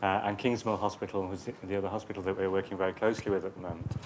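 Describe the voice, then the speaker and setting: A man with a lowish voice gives a friendly, self-deprecating presentation. A faint noise runs under his speech. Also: flat delivery, very fast. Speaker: music therapist presenter. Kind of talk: conference presentation.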